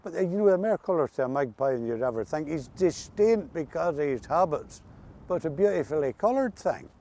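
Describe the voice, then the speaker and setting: A man's voice: a little high, animated, brisk, mellow, slight background noise. A man with an Ulster Scots accent, chatting casually and reminiscing in folksy dialect as an interview guest. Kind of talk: casual reminiscing chat about local dialect words.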